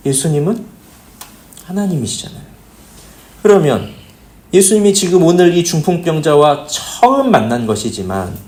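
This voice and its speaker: A man's voice: darkish tone, echoey room. A man preaching a Sunday sermon as a pastor, often asking the congregation questions. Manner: questions the congregation often, pitch rising and falling. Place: church sanctuary.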